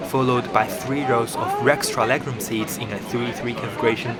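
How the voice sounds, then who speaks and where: A man delivers scripted review narration in a mid-pitched voice. Prominent music plays behind him throughout. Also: fairly even intonation, normal speed, a loud crowd. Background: loud background music.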